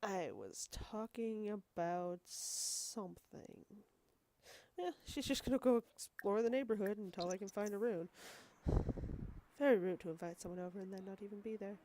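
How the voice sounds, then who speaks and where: Her voice is mid-range and mellow, moving at a moderate pace. She's a gaming video host fighting a cold, sounding stuffy and slightly wheezy as she offers rambling, casual commentary on her game, chatty and quick to apologize or joke at her own expense.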